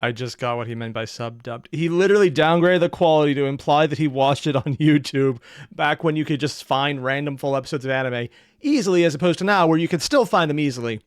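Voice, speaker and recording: A man's voice: a little high, fast talker, clear, resonant tone, dry recording. Male reaction host, off-the-cuff and rambling, resonant and dry-recorded, no room sound. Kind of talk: casual off-the-cuff reaction commentary.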